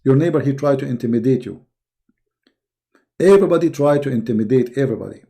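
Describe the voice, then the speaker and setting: A Middle Eastern man, a native Arabic speaker with an Arabic accent, hosts a live stream of informal, unscripted political commentary. His voice is medium-pitched and dark, with vocal fry, lively intonation, and a fast pace. He's emphatic and often repeats and rephrases his points.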